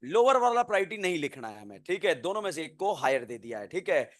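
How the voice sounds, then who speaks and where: A man teaching a chemistry class, asking the students quick questions and answering them himself, then dictating notes word by word. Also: a little high, very animated. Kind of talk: classroom lecture.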